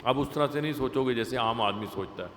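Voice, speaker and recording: A man's voice: medium pitch, brisk, a bit bright, slight background noise. A man leading a devotional scripture class, explaining points with everyday examples and repeating them for emphasis. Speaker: temple class speaker. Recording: echoey hall with faint ambience.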